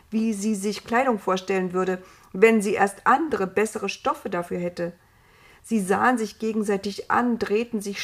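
A woman narrating a children's story in a calm, expressive storytelling manner. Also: medium pitch.

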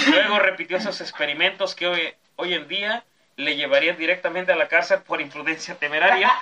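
Guy reading podcast notes, really bright voice, kinda dull lo-fi sound. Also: fairly high pitch. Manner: reads steadily, breaks into laughs at jokes. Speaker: podcast host. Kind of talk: reading history notes in casual chat.

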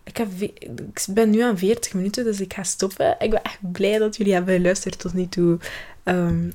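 A woman's voice: medium pitch, steady tone, moderate pace, mellow. A young woman with a Flemish accent, hosting a personal podcast and talking through her year in a rambling way, often searching for words and restarting. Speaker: podcast host.

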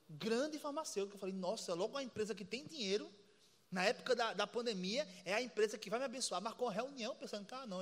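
A man preaching with a strikingly high, bright voice, animated and playful as he demonstrates and imitates laughter. His voice rings out with a long reverb, as in a large hall. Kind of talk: lively sermon.

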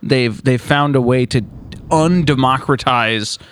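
A man's voice: medium pitch, unhurried, a bit bright, slight background noise. A man co-hosting a casual tech podcast who talks bluntly, swears casually and explains things step by step. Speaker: podcast co-host, tech worker. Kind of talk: casual chat.

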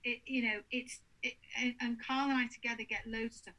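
A woman's voice: fairly high pitch, fairly quick, poor audio. A woman, a paranormal investigator telling stories in casual chat and acting out the people she quotes. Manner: animated storyteller, acts out quotes.

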